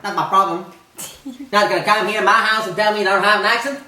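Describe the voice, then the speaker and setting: A woman's voice: medium pitch, fairly quick, roomy sound, distant mic, background noise, pitched below the performer's own voice, close to an everyday voice. Woman putting on a blustering bloke. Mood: indignant. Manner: blustering, indignant. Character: foul-mouthed man insisting he has no accent.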